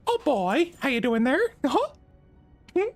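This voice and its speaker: Mickey Mouse in squeaky falsetto. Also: male voice, sing-song, unhurried, no echo, soft background music, heavily acted. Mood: chirpy. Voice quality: very high falsetto. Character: cheerful squeaky male cartoon mouse.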